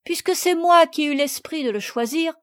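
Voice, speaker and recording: A proud young girl from a storybook reading, voiced by a woman narrator, pitched high and speaking out earnestly. Her lines come lively and emphatic. The recording is dry. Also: moderate pace, no echo, lightly acted.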